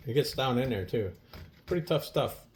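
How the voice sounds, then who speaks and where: A man's voice: mid-range voice, expressive, normal speed. A folksy, plain-spoken man casually talking through a hands-on repair as a mechanic, with machine noise behind him. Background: air compressor and workshop tool noise.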